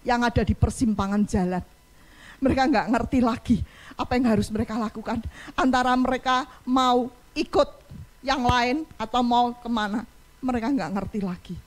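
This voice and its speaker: A woman's voice: on the high side, moderate pace. A woman pastor preaching a passionate sermon in church, acting out pleading cries for help. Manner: impassioned, acts out cries for help.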